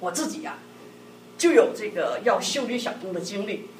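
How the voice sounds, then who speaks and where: A middle-aged woman giving a sermon-like talk on marriage to a church group, telling personal stories in a lively way with frequent laughter. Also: medium pitch, normal speed. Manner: lively, laughing often, acts out quotes. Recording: echoey hall, distant mic, background noise.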